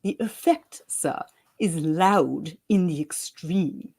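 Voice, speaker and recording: A man's voice: a little high, slow, vocal fry, a little mellow, breathy edge, exaggerated voice. A man voicing a prim, disapproving male valet, who speaks stiffly and formally. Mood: coolly disapproving.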